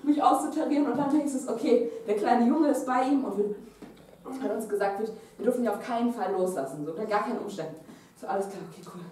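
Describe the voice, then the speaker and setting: Young woman, high voice, improvised comic monologue, laughs through it, echoey room heard from far off. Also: fast, slight background noise. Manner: lively, laughing through her story. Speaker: student storyteller. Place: classroom stage.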